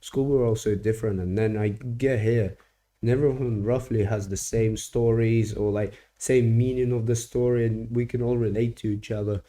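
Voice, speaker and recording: A man's voice: mid-range voice, steady tone, normal speed, mellow. A young man from Russia hosting a podcast, telling stories in a loose, slangy way. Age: young adult. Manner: loose storyteller, casual slang. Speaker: podcast host. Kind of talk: casual chat.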